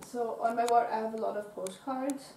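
A young woman from Austria answering interview questions in a small dorm bedroom, calm and reflective. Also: a little high, moderate pace, a little hiss or hum. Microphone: far camera. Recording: roomy, distant camera sound.

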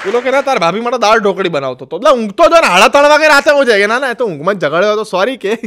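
A stand-up comedian with a Gujarati accent tells jokes in a high, rapid-fire voice, animatedly acting out the people in his stories and their quoted voices. Some chatter can be heard in the background.

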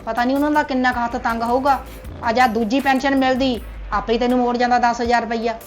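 A woman's voice: on the high side, steady tone, quick pace, soft background music, natural voice. A woman playing a grumbling Punjabi old mother. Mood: arguing. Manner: complaining, self-pitying. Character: elderly mother grumbling at son and daughter-in-law. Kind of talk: family drama acting.

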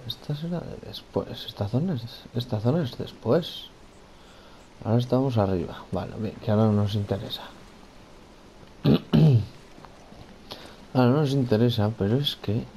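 A man's voice: medium pitch, mellow, slight background noise. A man giving casual let's-play commentary, talking to himself and his character, repeating phrases and swearing at enemies. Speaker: gamer playing a video game.

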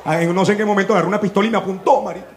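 A Venezuelan man doing stand-up comedy, telling a crude story in an animated way and acting out the people in it. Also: high voice, racing. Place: live comedy venue with audience.

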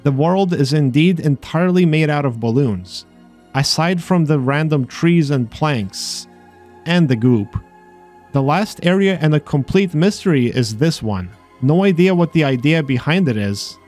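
With a fairly high, animated voice that's a touch slow and a little mellow, a man reads a scripted voice-over about a video game, tossing in dry, sarcastic asides. He's a video host exploring games, and faint game music plays underneath.

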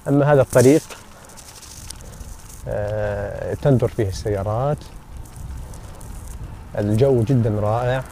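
A man in his thirties narrating a cycling vlog in a measured, halting way with pauses, recorded outdoors on a phone. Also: on the low side, warm tone, slight background noise. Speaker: cycling vlogger. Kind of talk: casual reflective vlog narration. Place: outdoors along open roads and desert at night and dawn. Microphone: phone at arm's length.

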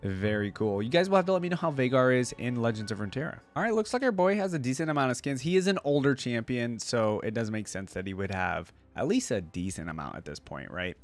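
A man in his thirties, a reaction video creator, talks into a close desk microphone with a headset, giving casual, chatty commentary and thinking aloud. His mid-range voice is expressive and fast, with hardly any pauses, over soft background music.

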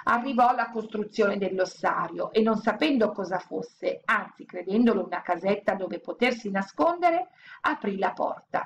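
A woman reading a children's story aloud as an audiobook, narrating in a steady, expressive way. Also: mid-range voice. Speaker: audiobook reader.

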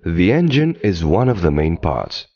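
A man giving scripted documentary narration in an even, explanatory delivery, recorded as a studio voice-over. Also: deep voice, measured pace, lo-fi sound.

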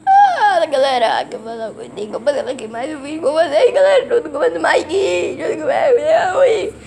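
A woman doing a shrill squeaky talking head. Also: huge pitch swings, brisk, mellow, slight background noise, heavily acted. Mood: cheerful. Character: squeaky male talking head puppet, gluttonous.

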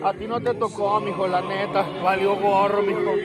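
A Mexican man hosting a street vlog, joking and teasing people and leading loud cheers outdoors. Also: sits high, little pitch movement, moderate pace, over loud music, a loud crowd. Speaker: influencer host. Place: outdoors at a graduation in town.

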